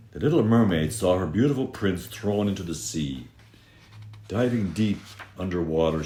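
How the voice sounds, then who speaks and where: An extremely low-voiced man tells a fairy tale with dramatic, expressive flair, stretching out words to emphasize them. The room around him gives a clear echo.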